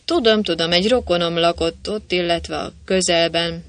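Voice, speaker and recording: This is a huge, bug-eyed butcher in the Legion, an absent-minded man who agrees with everything he hears, as a male reader puts him on. He chats on eagerly in a raised, bright voice. The storybook reading is animated. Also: high voice, no room sound. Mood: eager, chatty.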